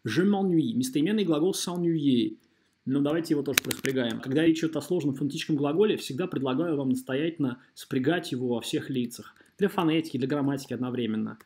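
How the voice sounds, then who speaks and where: A French teacher's voice-over on a screen recording is on the high side, a little mellow, and quick-paced. He explains in a didactic way and models pronunciation carefully, drawing out example phrases syllable by syllable.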